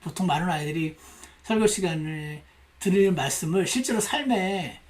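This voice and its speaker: In a church classroom, a male pastor teaches the Bible to a women's nurturing class, posing rhetorical questions and acting out quoted lines. He's animated, with a voice that sits high, at a moderate pace.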